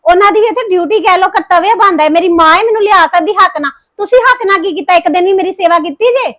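A woman's voice: extremely high pitch, fairly bright tone. Woman playing an accusing grieving young wife. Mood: bitter, accusing. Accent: Punjabi. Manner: reproachful, accusing, rapid complaints. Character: grieving young wife confronting her mother-in-law. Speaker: daughter-in-law Harpreet. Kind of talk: emotional family drama acting.

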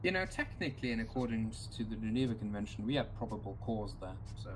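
A man's voice: lowish voice, steady tone, fast talker. A man playing platoon commander in a military simulation game, making radio calls and tactical chatter. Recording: noisy game voice chat.

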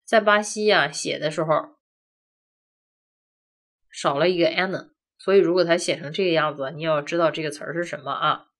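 A female language teacher, Chinese by first language, leads a grammar lesson as if in class, stepping through each point and often asking questions rhetorically. Her voice sits low and is fairly bright, delivered at normal speed.

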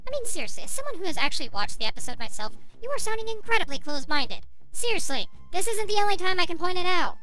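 A woman's voice: extremely high pitch, sing-song, fast talker, hardly any pauses, pushed and bright, faint music behind, poor audio. A woman reviewer giving a sarcastic, argumentative commentary rebutting another video.

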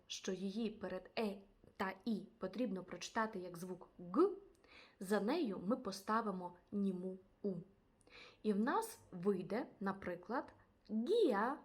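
A woman with a Ukrainian accent teaching a language lesson, patiently saying each example word twice. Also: medium pitch. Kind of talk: video lesson.

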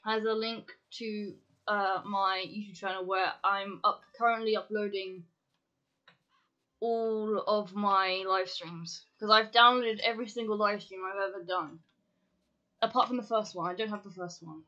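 A woman's voice: mid-range voice, steady tone, measured pace, sharp tone, muffled recording. A woman chatting casually on a game live-stream, scattered, talking to herself and swearing casually.

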